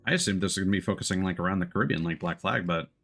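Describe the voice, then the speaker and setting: This gamer's low, gravelly, fairly bright voice races along as he streams with soft music behind him. Close to the mic, he offers casual, informal commentary in slang and keeps chuckling as he talks.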